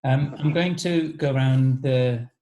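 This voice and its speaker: A man's voice: medium pitch, a little slow, warm tone. A man hosting an alumni talk over a video call, casually inviting each former student to introduce themselves.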